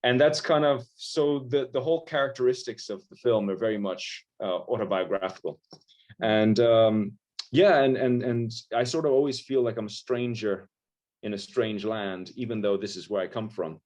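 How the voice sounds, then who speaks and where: An Irish filmmaker with an American-sounding accent chats casually in an interview over a video call, rambling with frequent restarts and fillers and a self-deprecating manner. His male voice is on the low side, darkish in tone, at a moderate pace.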